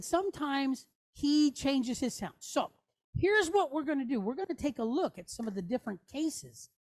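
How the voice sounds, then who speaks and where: A woman leads a class at the board, and her bright, high voice jumps around a lot. She talks in a folksy, animated way and keeps checking in with her listeners. The sound is close and dry, with almost no room echo. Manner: animated, folksy, repeats "okay?" often. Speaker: Hebrew teacher.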